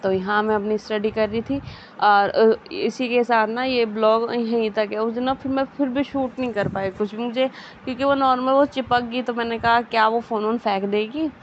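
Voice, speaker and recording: A woman's voice: on the high side, fairly even intonation, moderate pace, a little hiss or hum. Chatty young woman vlogger, dull recording. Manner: chatty, amused storytelling with many fillers. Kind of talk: casual vlog voice-over narration.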